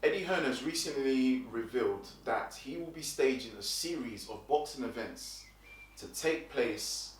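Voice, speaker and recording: A man's voice: medium pitch, animated, unhurried, a little hiss or hum. Chatty man in a roomy room. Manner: chatty, with fillers and restarts. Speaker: boxing news host. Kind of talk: casual commentary. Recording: roomy and distant from the mic.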